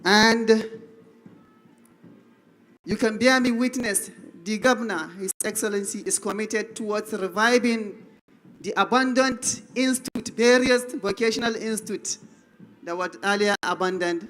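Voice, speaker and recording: Nigerian guy speechifying at a forum, high voice, slow and punchy repeats. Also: fairly bright tone. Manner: slow, emphatic and repetitive, like an orator. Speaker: government representative giving a goodwill message. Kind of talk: formal public speech. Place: event hall.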